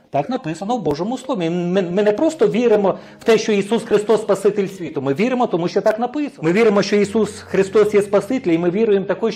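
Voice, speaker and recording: A pastor with a Ukrainian accent and a high, slightly mellow voice preaches a sermon. He often asks the congregation questions and answers them himself, sometimes stumbling and restarting words.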